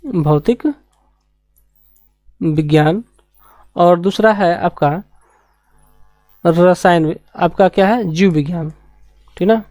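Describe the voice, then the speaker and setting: Dark-voiced woman teaching a science class. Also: fairly low pitch, no echo. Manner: repeats key terms slowly, asks rhetorical questions. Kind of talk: classroom lecture.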